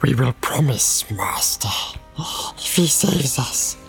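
A woman voicing a wretched, hungry, fawning creature in an audiobook, with a creaky, hissing whisper that whimpers and swoops in pitch. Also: very animated, takes it slowly, soft background music, full character voice. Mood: pleading. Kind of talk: audiobook character voice.

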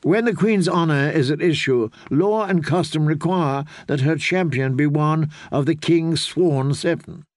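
A man reading an audiobook, voicing a scheming older queen mother who speaks with measured, condescending calm. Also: on the high side, no echo, studio quality, close to an everyday voice.

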